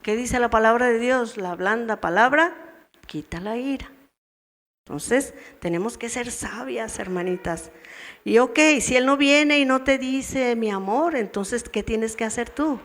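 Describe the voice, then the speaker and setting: A woman's voice: a little high, unhurried, a bit bright. Mexican woman teaching, long church reverb. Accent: Mexican Spanish. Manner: asks the audience many questions, acts out wives' replies. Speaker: women's ministry teacher. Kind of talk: church teaching to a women's meeting. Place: church meeting hall.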